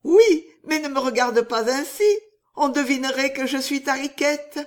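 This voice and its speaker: A woman's voice: high voice, measured pace, voice pushed up. A woman voicing Riquette, a frank, playful young woman in love, in a dramatized story reading.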